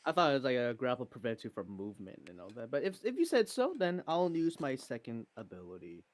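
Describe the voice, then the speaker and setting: A man playing a tabletop game in casual chat, thinking out loud and second-guessing himself. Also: medium pitch, sing-song, fast talker, dry recording. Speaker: player in an online tabletop battle.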